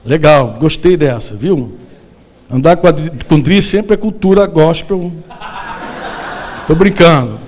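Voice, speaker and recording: A man with a high-pitched voice preaches in a Brazilian Portuguese accent, speaking to pastors and leaders at a conference. His sermon is loose and conversational, full of slang and quick questions to the crowd. He sounds like he is standing before a room. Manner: animated, colloquial preaching with slang and audience questions. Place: conference hall.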